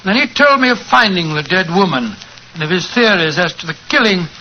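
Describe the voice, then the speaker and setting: An earnest old British sidekick doctor in vintage radio drama. His voice is high, bright and blustery, heard through a noisy old broadcast recording. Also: very animated, a little fast, muffled recording, full character voice. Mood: recounting. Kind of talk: 1940s radio acting.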